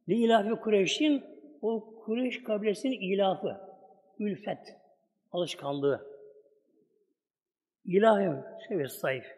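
A man's voice: high-pitched, darkish tone, slightly rough, long reverb tail. A man preaching a storytelling sermon with Quran commentary, acting out the dialogue of the story as he tells it. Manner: acts out dialogue of the story in quotes.

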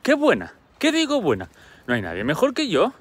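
A man's voice: huge pitch swings, brisk, slightly rough, exaggerated voice. A man from voicing a proud, cheeky young female weaver in a comic retelling of a myth. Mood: boastful. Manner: high, bright girlish voice, brash and flippant. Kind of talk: comic storytelling.

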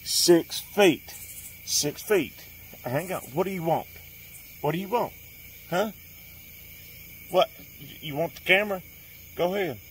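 A man's voice: high voice, normal speed, long pauses, a bit bright, a little hiss or hum. A man performing an improvised comedy skit, erratically jumping between many silly voices.

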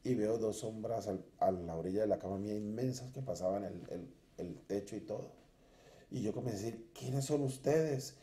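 A man's voice: on the low side, a little fast, dark tone, reverberant. A man sharing his personal conversion testimony in a church interview, telling it earnestly and acting out his past self.

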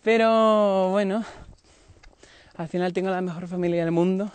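Walking around outside by a road, this Tenerife singer talks casually to his live-stream audience, sharing confidences and laughing a lot. His high-pitched voice has fairly even intonation, a normal speed and a clean tone, with no room sound.

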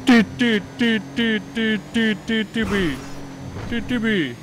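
A man's voice: mid-range voice, noisy background, natural voice. A man playing a jittery young man in a video game role-play, stammering and repeating himself. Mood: paranoid, aggressive. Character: jittery young man, paranoid and aggressive when high.

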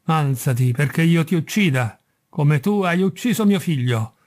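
A man reading aloud as an enormous vengeful genie from a storybook, delivering stern, unbending verdicts. The voice sits somewhat high yet sounds mellow and warm. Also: animated, normal speed, natural voice. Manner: stern, unyielding pronouncements. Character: huge vengeful male genie with a sword.

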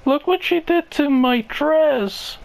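A man's voice: extremely high pitch, takes it slowly, vocal fry, full character voice. A man voicing a bratty, demanding young girlfriend in an amateur cartoon skit, whiny and indignant. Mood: indignant whining. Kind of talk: amateur animated comedy skit acting.

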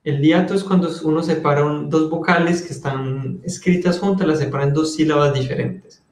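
A man teaching a French class in Spanish, slowly repeating words and switching between languages while calling on students by name. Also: fairly high pitch, fairly even intonation, roomy sound. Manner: slow, patient, repeats words to drill pronunciation.

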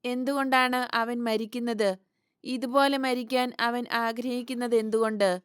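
A woman voicing a grieving middle-aged mother who pleads loudly and with anguish about her family. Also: on the high side, fairly even intonation, normal speed, clean tone, no echo, studio quality, close to an everyday voice.

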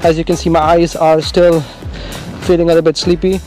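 A man vlogging casually to a handheld camera, upbeat and halting, with frequent filler sounds. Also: on the high side, flat delivery, a little mellow, faint music behind. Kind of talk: casual vlog talk to camera. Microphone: handheld camera mic.

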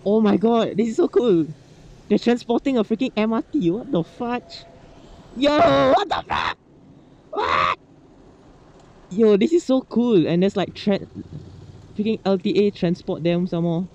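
A young man with a Singaporean accent giving excitable, swear-laden commentary while riding a motorcycle through the city. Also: high voice, measured pace, pauses often, dull audio. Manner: excitable, swears and exclaims a lot. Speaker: motovlogger. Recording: helmet mic with loud wind and traffic noise.

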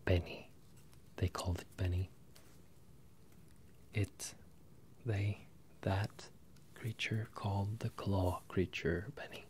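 An ASMR roleplay performer in his twenties whispers slowly in a low voice, mixing soft, breathy whispers with quiet murmuring. He hesitantly plays a bemused wizard professor apologizing to a student, keeping a steady tone. Close ear-to-ear stereo mics record him, with slight background noise.

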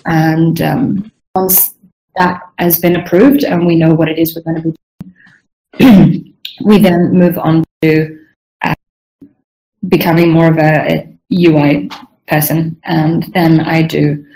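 A young woman from Sweden, a UI designer answering questions on a video call, chatty and rambling, often clearing her throat. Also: low voice, flat delivery, slow pace, mellow, rough recording. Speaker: guest UI designer. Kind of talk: casual online Q&A.

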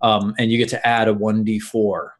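A man's voice: fairly low pitch, little pitch movement, normal speed, background noise. A man chatting casually and playfully as a player in an online tabletop game.

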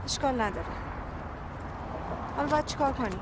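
Bossy sharp young woman. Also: high-pitched, lively intonation, heavy background noise. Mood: persuasive. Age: young adult. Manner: sharp, commanding, teasing. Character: bossy, quick-witted young woman taking charge. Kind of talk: film dialogue.

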